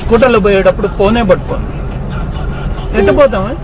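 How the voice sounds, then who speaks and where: Man, rambling car chat, extremely high voice, crowd noise clear underneath. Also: fast talker, music in the background. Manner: chatty, teasing, rambling asides. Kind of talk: casual chat.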